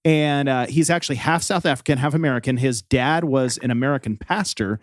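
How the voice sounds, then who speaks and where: A man's voice: medium pitch, brisk, no room sound. Chatty male podcast co-host, dry sound. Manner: chatty, rambling storyteller with many fillers. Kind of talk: casual chat.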